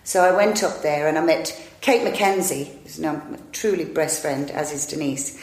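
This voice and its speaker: Her voice is deep and darkish in tone at a normal speed: an actress and improviser in her fifties, interviewed as a guest. In an echoey room, she rambles through long anecdotes, chatty and self-deprecating.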